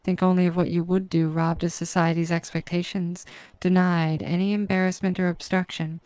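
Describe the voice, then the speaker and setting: A woman speaking as a hypnotist, giving a slow, soft, repetitive trance induction. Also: on the low side, little pitch movement, clean tone, dry recording, poor audio. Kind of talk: scripted erotic hypnosis narration.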